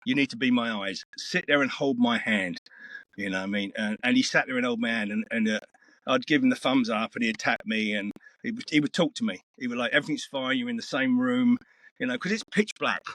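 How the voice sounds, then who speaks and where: A man's voice: mid-range voice, a little fast, a bit bright, dry recording. A middle-aged man, telling stories in a rambling, earthy way as an interview guest. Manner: rambling, earthy storytelling with swearing. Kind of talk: casual interview chat.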